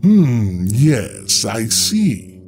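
A man's voice: medium pitch, sing-song, creaky, a little mellow, soft background music, exaggerated voice. A man voicing a mischievous, purring male librarian who drawls his words theatrically and probes with sly questions. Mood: probing. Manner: theatrical, drawn-out, probing.

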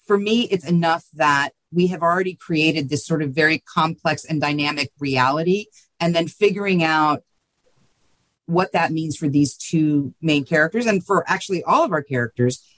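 On a poor-quality recording with no room sound, a low-pitched woman speaks at a moderate pace as a guest writer being interviewed. Her answers are thoughtful and informal, frequently punctuated by "you know" and "right" as she checks in with the listener.

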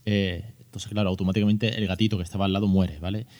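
Male podcast host, 30s, Spain accent, slightly low voice, casual and joking, lots of fillers. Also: fairly even intonation, fast talker, a little mellow. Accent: Spain Spanish. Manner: chatty and joking, with many fillers and restarts. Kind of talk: casual educational podcast talk.

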